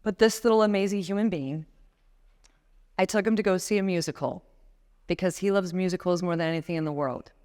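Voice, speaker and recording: Woman coach giving a fired-up motivational talk, kinda low voice, thirties. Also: fairly quick, a little mellow. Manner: emphatic, rising to passionate exhortation. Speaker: guest speaker and coach. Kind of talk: motivational talk to a live audience.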